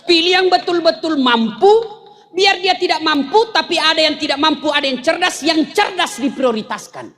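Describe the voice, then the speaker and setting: Man, islamic preacher, high voice, humorous sermon, animated storytelling. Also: moderate pace.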